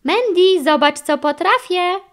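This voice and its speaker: Woman doing a puppy hero, high bright voice, bouncy, excited exclamations, kids' audiobook. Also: unhurried. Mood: eager. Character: eager brave male police puppy. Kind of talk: children's audiobook character voice.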